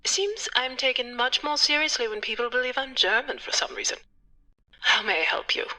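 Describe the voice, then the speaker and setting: A snobbish female psychiatrist in a point-and-click game, snooty and dismissive. Her voice is somewhat high and very bright, with a sharp edge. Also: expressive, moderate pace, low-quality recording. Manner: snooty, looks down on servants.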